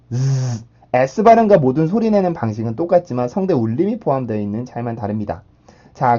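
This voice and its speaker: Male pronunciation teacher, mellow dark tone, step-by-step explainer, slightly muffled recording. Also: medium pitch. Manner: explains step by step, models sounds by repeating them. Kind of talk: online pronunciation lesson.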